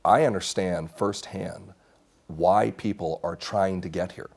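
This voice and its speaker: A man in his thirties who grew up in Mexico is interviewed as a congressional candidate in a small TV studio. His low voice has vocal fry, a breathy edge and a slightly mellow quality, and he speaks at a measured pace. His answers are earnest and assertive, with frequent restarts.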